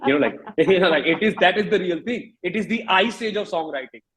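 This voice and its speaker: In a relaxed interview, a singer-songwriter in his thirties with an Indian accent reflects informally, often saying things like "you know." He talks fast in a high, animated voice that's creaky, a bit bright and breathy-edged.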